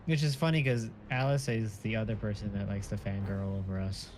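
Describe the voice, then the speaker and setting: A man's voice: on the low side, steady tone, a little fast, darkish tone, slight background noise. A man bantering casually as a co-host during gameplay. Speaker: gaming co-host.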